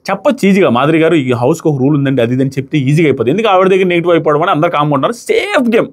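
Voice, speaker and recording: Speaking rapid-fire in a slightly high, animated voice, this man argues his way through a reality show review. He's casual but emphatic, often bellowing out contestants' lines as he quotes them.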